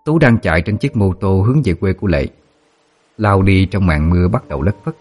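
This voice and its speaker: A man narrating a ghost story in a steady, dramatic way. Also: deep voice, a little fast, faint music behind.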